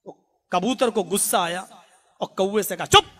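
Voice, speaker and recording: High-voiced cleric preaching with humor. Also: male voice, normal speed. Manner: animated storytelling, rising to shouts. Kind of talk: humorous sermon.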